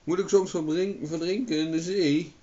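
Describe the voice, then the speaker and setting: A man's voice: on the high side, steady tone, moderate pace, warm tone, voice pushed up, close to an everyday voice. A man voicing a bold, quarrelsome dreaming man in a folk tale. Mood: shouting. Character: bold dreaming Irish man, talks back. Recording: dull lo-fi recording.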